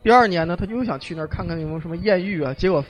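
A man hosting a podcast, telling history as lively, joking, colloquial stories. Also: sits high, very fast. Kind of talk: casual storytelling chat.

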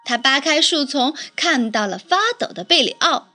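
A woman reads a children's storybook aloud in a lively, expressive manner. Her voice is high, bright and very animated, with faint music playing behind the reading. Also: normal speed.

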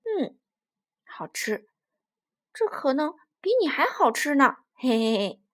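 A woman voicing a big, lonely T-rex who is gruff yet gentle, in a children's storybook. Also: high-pitched, sing-song, slow pace, voice pushed up, full character voice.

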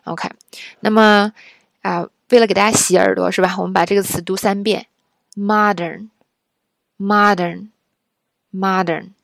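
A woman's voice: medium pitch, steady tone, a little fast, vocal fry, no echo, studio quality. A woman from China teaching English pronunciation in a casual spoken lesson, explaining patiently and often checking in with the listener.

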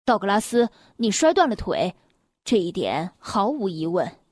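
A woman's voice: very animated, darkish tone, no echo, clean studio sound. A woman doing a pompous rabbit doctor. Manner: pompous, deliberate, lowered voice. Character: self-important rabbit playing doctor.

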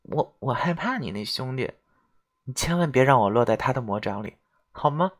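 A woman's voice: very deep voice, lively intonation, moderate pace. A woman playing a sugary, coy young woman.

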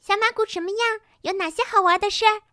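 A woman voicing a hyper, excitable little female pony in a storybook reading, squealing and rushed. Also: high-pitched, no echo, clean studio sound. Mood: excited.

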